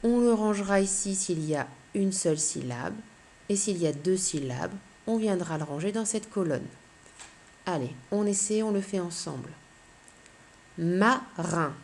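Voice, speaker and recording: A woman teacher giving a slow, clear phonics lesson to young children, patiently spelling out letters one by one. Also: on the low side, expressive, mellow, slight background noise.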